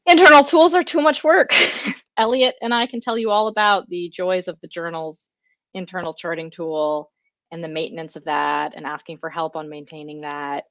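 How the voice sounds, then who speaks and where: Low-voiced woman, chatty conference talk. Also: fairly even intonation, moderate pace, fairly bright tone, no room sound, dull audio. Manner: chatty, enthusiastic, many fillers. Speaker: conference speaker. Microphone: video call.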